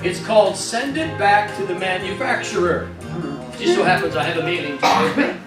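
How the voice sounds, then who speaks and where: A man's voice: high voice, moderate pace. A man hosting a live magic show on stage, joking and coaxing the audience to play along. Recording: echoey hall, from far off, loud music.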